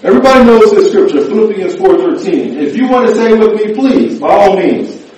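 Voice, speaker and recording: A high-pitched, expressive preacher with a darkish tone delivers a brisk sermon, joking with his congregation and repeatedly prompting them to answer "amen" and "right." The mic sits at a distance in an echoey church hall.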